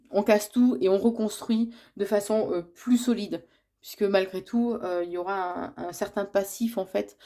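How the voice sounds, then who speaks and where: A woman with a mid-range, dark-toned voice, congested from a cold, works as a tarot reader giving a yearly horoscope. She hesitates, restarts, and leans on fillers, speaking as if receiving messages and relaying what she is told.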